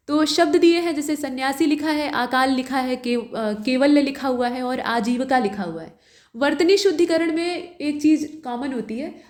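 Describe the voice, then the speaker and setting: A woman with a high voice works patiently through exam questions as a tutor, stopping now and then to ask the listener a question. The sound is roomy, with a clear echo around her. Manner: patient, explanatory, asks rhetorical questions. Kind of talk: explaining test questions.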